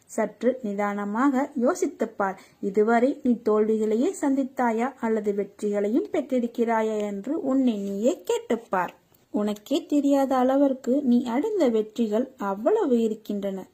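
A woman reading a scripted devotional message in a slow, soothing way, speaking as a deity who reassures a devotee. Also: a little high, dark tone.

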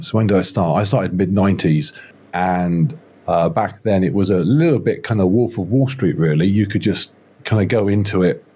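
Speaking from an indoor home studio over a video call, this podcast guest of around fifty has a deep, dark, slightly rough voice. He wanders through his own story with plenty of restarts and self-mockery in a relaxed interview. A close studio mic and headphones pick him up.

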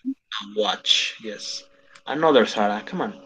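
A man's voice: fairly low pitch, lively intonation, slow, bright, forceful tone, slight background noise, poor audio. A man teaching a beginner English class, patiently correcting pronunciation and encouraging his students.

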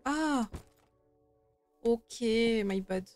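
A young woman gives casual let's play commentary on a horror game. Her voice sits a little high, and she sounds jumpy, muttering complaints and swearing to herself. Faint game music and rain run behind her. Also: very slow, a little mellow. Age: young adult. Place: indoor room at home.

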